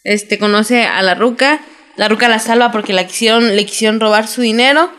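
A young adult woman with a Mexican Spanish accent, recapping a TV drama in casual, slangy, animated chat as a podcast co-host. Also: fairly high pitch, a little fast. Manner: slangy, animated storytelling with quoted voices.

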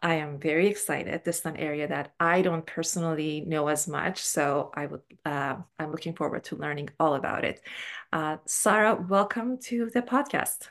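A woman's voice: low-pitched, normal speed. A woman hosting a podcast, welcoming her guest enthusiastically and asking questions. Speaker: podcast host.

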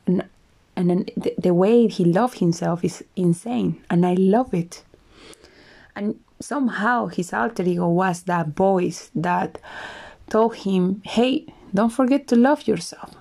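A podcast host with a smoky, low voice, husky after a flu, delivers a casual solo monologue. She sounds reflective and chatty, with soft laughs and restarts.

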